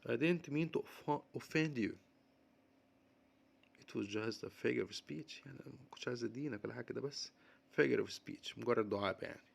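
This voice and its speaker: An Egyptian man with an Egyptian accent teaches English words. He says each term slowly, then explains it quickly in Arabic. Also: medium pitch, vocal fry, slightly rough. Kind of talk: vocabulary lesson mixing English and Arabic.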